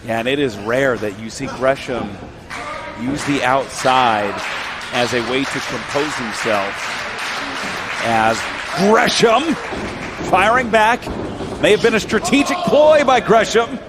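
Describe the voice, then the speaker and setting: A man's voice: medium pitch, slow. A man working as a wrestling commentator, calling live play-by-play in short, clipped calls. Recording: loud crowd and arena noise. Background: crowd and ring noise.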